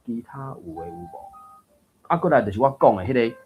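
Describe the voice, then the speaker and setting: Man explaining tone rules, halting. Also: mid-range voice, very animated, dull audio, slight background noise. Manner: thinks aloud with many fillers and restarts. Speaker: Taiwanese reading coach. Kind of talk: casual explanatory lesson.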